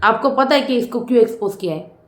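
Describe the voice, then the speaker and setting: A woman's voice: a little high, quick pace, echoey room. A woman giving casual, chatty commentary as a reality show reviewer, often saying "bhai" and "hmm".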